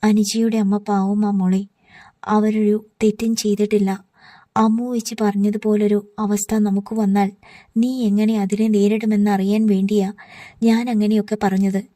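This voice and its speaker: A devoted older sister in a storybook, earnest and close to tears, as a woman narrator reads her part. The delivery is flat and steady, with a warm, mellow tone. It sounds dry and close. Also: medium pitch, normal speed, dry recording, close to an everyday voice. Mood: tender. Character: young woman, grieving loving older sister.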